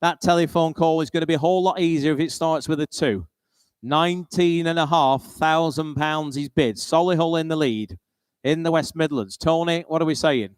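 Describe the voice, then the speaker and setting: At normal speed, a British auctioneer repeats the bid figures of a live auction in his practised patter. His voice is clear and smooth, sitting slightly high for a man. It's recorded close and dry, with no echo from the room.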